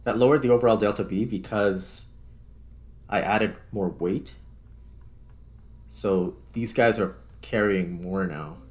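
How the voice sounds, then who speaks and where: A gaming video host talks at a slow pace in a lowish voice, with long pauses between his words. He works through the game while muttering to himself, offering informal, thinking-aloud let's-play commentary against background music.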